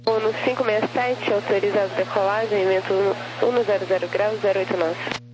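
A Brazilian woman with a medium-pitched voice works as an air traffic controller. Her callouts are clipped and procedural, carried on aviation radio with faint noise. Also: steady tone, moderate pace. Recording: faintly noisy humming radio.

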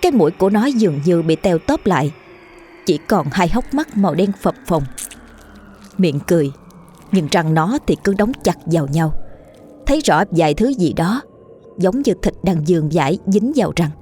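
A woman reading a horror story aloud in a steady, measured and grim narration. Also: on the low side, a little hiss or hum.

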